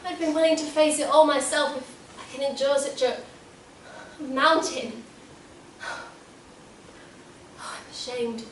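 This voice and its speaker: Teen girl doing a fragile sighing young woman, high voice, school play, echoey hall from far back. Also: a bit bright, a little hiss or hum. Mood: pleading. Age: teenage. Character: young woman saying farewells, fragile and wistful. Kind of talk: stage acting.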